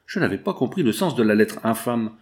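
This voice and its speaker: A man's voice: medium pitch, animated, brisk, natural voice. A man voicing a desperate, indignant young mother in a storybook reading. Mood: outraged. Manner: outraged, pleading.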